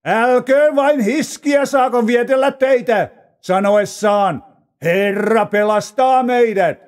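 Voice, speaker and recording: A man's voice: sits high, animated, pitched above the performer's own voice. A man reading as a boastful royal envoy, raised voice. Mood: proclaiming. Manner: taunting, declamatory. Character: boastful male envoy of a conquering king. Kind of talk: dramatized scripture reading.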